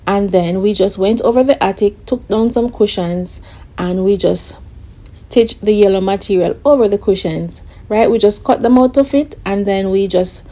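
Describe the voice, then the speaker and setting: Chatty woman vlogger with a mellow voice. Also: mid-range voice, moderate pace. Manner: chatty, repeatedly addresses viewers as "guys". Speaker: vlogger hosting her channel. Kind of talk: casual vlog talk to camera. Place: at home, setting up a brunch.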